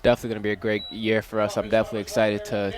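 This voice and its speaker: A teenage man, a student player, doing casual play-by-play commentary for a high school football game, with frequent restarts. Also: level tone, rapid-fire, a crowd in the background. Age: teens.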